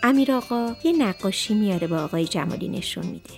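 A woman's voice: medium pitch, expressive, gravelly, faint music behind. A woman narrating a children's puppet show and speaking directly to the children.

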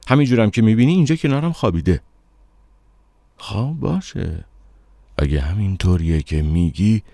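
A man voicing a stern stranger who accuses and shouts in a dramatic audiobook reading. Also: low voice, creaky, no echo. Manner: accusing, rising to furious shouts.

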